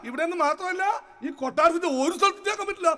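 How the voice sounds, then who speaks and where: A man's voice: extremely high pitch, rapid-fire, pushed and bright, full character voice. A man playing a pompous, blustering, foolish king in a live stage comedy skit. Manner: blustering, scolding, comic. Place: outdoor festival stage. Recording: reverberant live stage sound.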